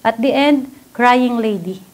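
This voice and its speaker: Animated Filipino woman preaching. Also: fairly high pitch, slow pace. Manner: animated, laughs often, asks the audience rhetorical questions. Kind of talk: Taglish sermon. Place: church.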